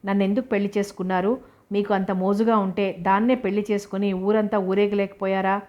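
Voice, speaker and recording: A woman's voice: mid-range voice, little pitch movement, a little fast, highs cut off, lightly acted. A woman reading a hurt, bitter young wife.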